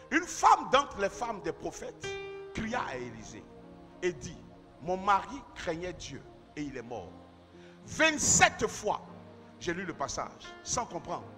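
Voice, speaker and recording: A male pastor preaching a sermon, swinging from shouted emphasis to quiet asides. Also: high voice. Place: church hall. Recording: church hall with long reverb and faint music.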